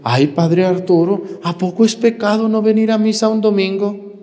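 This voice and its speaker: A priest voicing a pleading, whiny parishioner who sighs through excuses. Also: male voice, sits high, fairly even intonation, normal speed, mellow, big-room sound, voice pushed up, close to an everyday voice.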